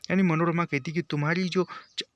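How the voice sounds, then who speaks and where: A man's voice: on the high side, steady tone, no room sound. Man explaining a play, dry sound. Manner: reads lines aloud, then paraphrases them plainly; slow, halting delivery with restarts. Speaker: literature teacher.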